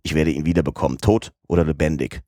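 A man voicing a stiff, calm middle-aged English gentleman in an audiobook, speaking in a cool, terse, formal way. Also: rumbling low, quick pace, no echo, studio quality. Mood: cold resolve. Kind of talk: audiobook character voice.

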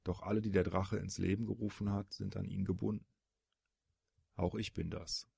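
A man reading a storybook audiobook, voicing a solemn male dragon-born being in a low, gravelly, husky voice with measured, earnest explaining. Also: little pitch movement, dark tone, dry recording, clean studio sound, heavily acted.

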